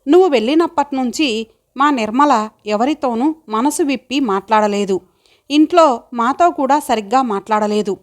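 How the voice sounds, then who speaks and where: Middle-aged mother, mildly scolding, in a slightly high voice, for an audiobook, read by a woman. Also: moderate pace, lightly acted.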